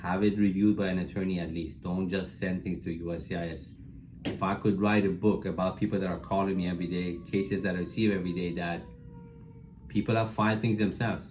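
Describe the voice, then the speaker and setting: A man working as an immigration attorney, explaining in a measured, practical way and hedging his predictions, with frequent fillers. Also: deep voice, slight background noise. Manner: hedges his predictions as opinion. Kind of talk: explanatory talk to camera.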